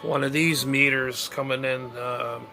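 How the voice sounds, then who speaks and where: In a slightly slow, creaky mid-range voice, a middle-aged man rambles through a vlog showing his amateur radio setup. He mutters, repeats himself and trails off while faint music and steady background noise fill the recording.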